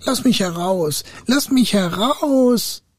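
A man's voice: expressive, slow, no echo, studio quality, exaggerated voice. Man doing Mercurius, a boastful bottle spirit. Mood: pleading. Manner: booming threats, whining pleas. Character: huge boastful male bottle spirit, menacing yet wheedling.

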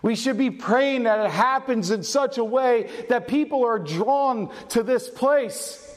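A pastor preaching a sermon, asking his congregation questions and varying his pace and loudness for emphasis. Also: extremely high pitch, unhurried. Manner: asks the congregation questions and answers them.

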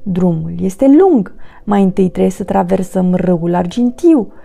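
A woman voicing a big, gentle male panda bear who speaks slowly, softly and calmly. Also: lowish voice, vocal fry, faint music behind. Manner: slow, soft and calm.

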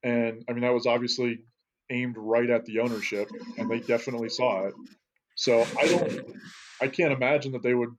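A man's voice: mid-range voice, steady tone, moderate pace, slight background noise. A man co-hosting a casual podcast, talkative and telling long anecdotes. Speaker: podcast co-host. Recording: slightly dull audio.

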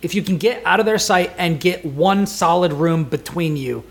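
A man co-hosting a podcast, chatting casually about a video game and swearing when he gets excited. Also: high-pitched, moderate pace, creaky. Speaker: podcast co-host.

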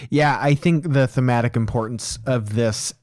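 Man, mid pitch, casual podcast co-host, explanatory, filler-heavy, dry close sound. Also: normal speed, a little mellow, no echo. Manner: rambling, explanatory, frequent "uh" and "you know".

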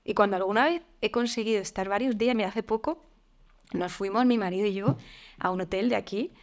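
Woman, thirties, podcast guest, candid, reflective, mid pitch. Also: a little fast. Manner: open and reflective, with frequent fillers and soft laughs. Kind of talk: candid conversational interview.

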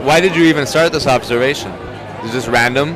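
A man's voice: medium pitch, brisk. A man hosting a casual podcast, chatting hesitantly with many restarts and laughs, recorded at a busy outdoor market bar. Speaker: podcast host. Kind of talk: casual chat. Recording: loud crowd noise around. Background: crowd chatter.

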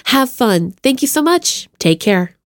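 Over loud music, a woman with a high-pitched, very animated but unhurried voice hosts a podcast. She gushes and jokes while introducing the episode and making plugs, speaking directly to her audience.

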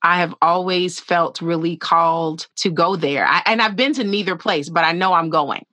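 A woman's voice: fairly low pitch, normal speed, sharp tone, dry recording. A woman hosting a podcast in casual chat, laughing often between her phrases. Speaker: podcast host.

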